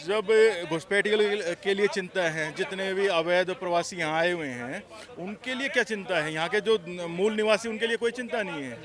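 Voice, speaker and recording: A man's voice: high voice, moderate pace, crowd noise. A man giving argumentative answers in a street interview, outdoors in the city, and pushing back with rhetorical questions. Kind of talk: political vox pop.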